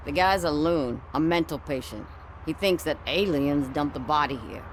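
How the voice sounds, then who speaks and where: An actor as a jaded beat cop in a video game. The voice is mid-pitched and blunt, full of sarcasm, over faint background noise. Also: moderate pace, lightly acted, low-quality recording. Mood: sardonic. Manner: sardonic, blunt.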